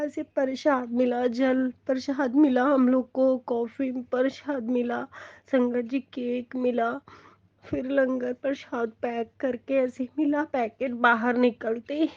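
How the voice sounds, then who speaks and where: Middle-aged woman, mellow high voice, unhurried tearful testimony. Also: dry recording, highs cut off. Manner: slow, tearful, heartfelt. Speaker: devotee sharing a satsang testimony. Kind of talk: emotional personal testimony.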